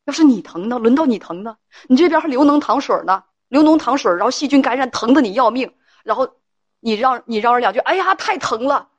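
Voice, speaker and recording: A woman's voice: fairly high pitch, fast talker, no room sound, dull audio. A woman hosting a call-in advice show, lecturing a caller with pointed rhetorical questions.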